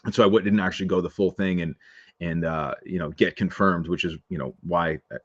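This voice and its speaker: Deep-voiced man on a muffled line. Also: fairly quick, no room sound. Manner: earnest, laid-back, with many fillers. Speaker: podcast guest. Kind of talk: casual interview talk.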